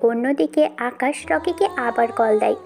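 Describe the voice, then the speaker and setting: A woman narrating a dramatized audio story in a steady storytelling way. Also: fairly high pitch, measured pace, creaky, faint music behind.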